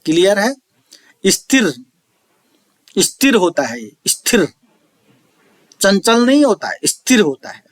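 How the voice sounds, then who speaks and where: Slow, measured man teaching a class. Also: high-pitched, big pitch swings, no room sound, clean studio sound. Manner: slow, repeats and explains each term, recites verse lines drawn out. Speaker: Sanskrit teacher. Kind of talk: online lecture explaining verses.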